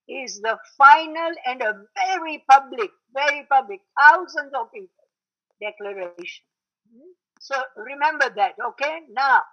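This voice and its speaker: A woman teaching a lecture on religious history. She explains at length, repeats key points for emphasis, and often pauses with fillers and clears her throat. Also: high voice, a bit bright. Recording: dull lo-fi recording.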